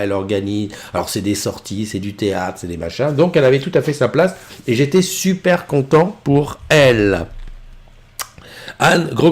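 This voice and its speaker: A man's voice: fairly low pitch, darkish tone. A middle-aged man hosting a casual morning live stream, chatting easygoingly and greeting viewers by name. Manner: chatty and easygoing, greets viewers and reads their messages aloud. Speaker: livestream host.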